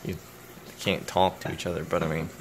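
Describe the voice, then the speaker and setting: A young man with a low, level voice talks fairly quickly as he casually vlogs at home about his pet reptiles, rambling, joking and speaking to the animals. He films it indoors on his phone camera, and faint background noise comes through.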